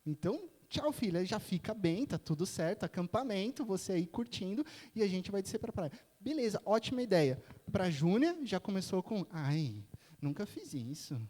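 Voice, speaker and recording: A Brazilian pastor preaches a sermon in a church sanctuary, telling a family story full of chatty asides and frequent tag questions, with a Brazilian Portuguese accent. His high voice has a dark tone and lively intonation, moving at normal speed with few pauses. The church hall makes the recording echoey.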